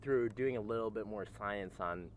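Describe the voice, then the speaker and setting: A man's voice: fairly low pitch, moderate pace, phone-quality sound, slight background noise. A young man in ice-cold water, casually explaining things in conversation outdoors. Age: young adult. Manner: talking while immersed in ice-cold water. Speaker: interviewed cold-plunge enthusiast. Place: outdoors in a frozen lake.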